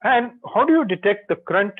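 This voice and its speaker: Halting man lecturing on a call. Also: high voice, expressive, no echo. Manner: explanatory, halting, with frequent "uh" and "you know". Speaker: guest speaker on technology. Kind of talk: online webinar lecture. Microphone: video call. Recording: tinny phone-like call audio, dry.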